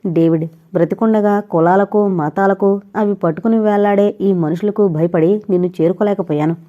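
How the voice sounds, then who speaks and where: A woman's voice: medium pitch, steady tone, normal speed, mellow, highs cut off, lightly acted. A woman voicing a young married woman who pleads and weeps over her dying lover, in a storybook reading. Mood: despairing. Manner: tearful, pleading.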